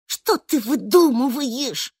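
A woman voicing a worried, indignant young girl who speaks high and protesting. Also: bright, forceful tone, no echo, clean studio sound. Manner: high-pitched, quick to protest.

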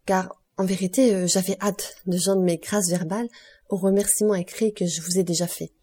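A woman's voice: fairly low pitch, fairly even intonation, normal speed, mellow, husky. A woman voicing a haughty, effusive middle-aged society baroness in an audiobook.

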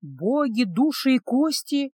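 A woman's voice: sits high, sing-song, takes it slowly, darkish tone, breathy edge, no echo, studio quality, pitched above the performer's own voice, exaggerated voice. A woman voicing a flustered young herbalist whose anxious thoughts race. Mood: panicked. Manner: breathless, racing inner thoughts.

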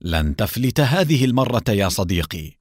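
A man's voice: on the low side, sing-song, moderate pace, slightly rough, no echo, clean studio sound. A man reading a story voices a confident young detective hero. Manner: confident, determined.

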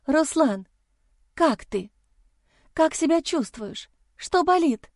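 A woman's voice: high-pitched, animated, slow pace, no room sound, clean studio sound, pitched above the performer's own voice, heavily acted. A woman voicing a worried young heroine who fires off anxious, urgent questions. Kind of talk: audiobook character voice.

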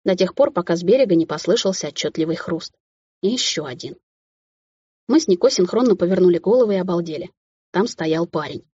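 Style: romance audiobook narration. Sex: woman. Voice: low, husky. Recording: slightly dull. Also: expressive, fairly quick, mellow, no echo.

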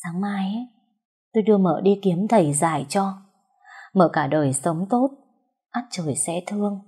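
A grieving young husband pleads through tears, a woman doing the part in a low, warm, husky voice. In the storybook narration he murmurs and begs by turns. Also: moderate pace. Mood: tender. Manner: tearful pleading, soft murmuring at night.

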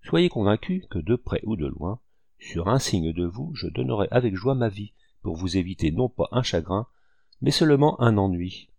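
A man's voice: on the low side, sing-song, normal speed, vocal fry, a little mellow, dry recording, exaggerated voice. A man reading a novel aloud and voicing an earnest, humble officer who speaks with emotion. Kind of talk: audiobook reading.

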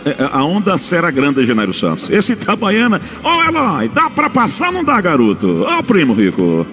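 A man's voice: on the high side, wildly swooping pitch, moderate pace, fairly bright tone, a little hiss or hum. A man presenting a radio football broadcast in a showy, emphatic way, drawing out names. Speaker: radio football host and announcer. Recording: reverberant radio sound over music.

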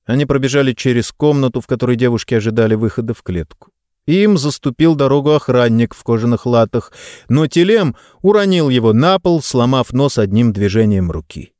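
A man narrating an audiobook in an expressive storytelling manner. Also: medium pitch, a little fast, no echo, studio quality. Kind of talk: scripted narration.

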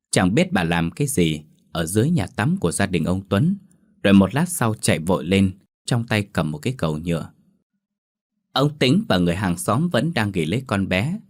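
A man narrating a horror story dramatically. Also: sits low. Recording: faint music behind.

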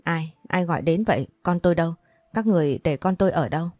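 Woman doing a desperate young mom, low, mellow tone, pleading and accusing. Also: expressive, quick pace, dry recording, studio quality. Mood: frantic. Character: frantic young mother, woman.

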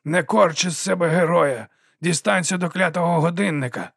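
A man voicing a gruff, impatient old male sweeper-monk in a storybook, with a brusque, commanding manner. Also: fairly high pitch, steady tone, fairly quick, no room sound, studio quality, natural voice. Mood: urgent.

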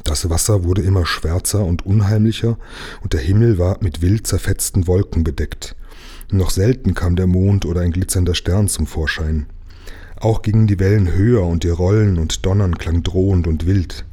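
A man reads a children's story aloud, telling it expressively. His voice is low and dark. A husky grain runs through it. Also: normal speed. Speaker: reader of a children's book.

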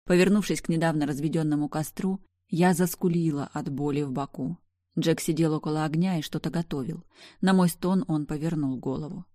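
A woman narrating a story in first person, reading with expressive emotion. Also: low-pitched, a little fast, dry recording, clean studio sound.

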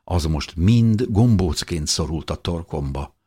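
A man reading a novel aloud in the first person, in a measured and somber way. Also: sits low, expressive, dark tone, breathy edge. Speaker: audiobook narrator.

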